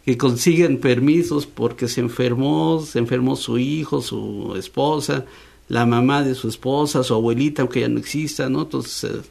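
A man's voice: mid-range voice, normal speed, gravelly, darkish tone. Mexican guy hosting radio chat, keeps tossing in little questions, mid voice. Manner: chatty, frequent tag questions. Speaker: radio host. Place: radio studio.

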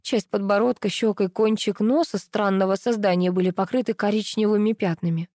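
A woman narrating a first-person novel as an audiobook, in a lively, expressive storytelling manner. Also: medium pitch, a little fast, no room sound, studio quality.

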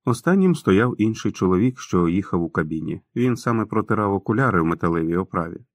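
A man narrating an audiobook in a calm, even storytelling manner. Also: deep voice, fast, no room sound. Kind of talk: scripted narration.

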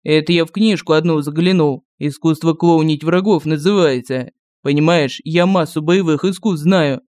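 A male narrator voicing a calm, phlegmatic male turtle warrior in an audiobook. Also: on the high side, moderate pace, dry recording, studio quality, lightly acted. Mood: deadpan.

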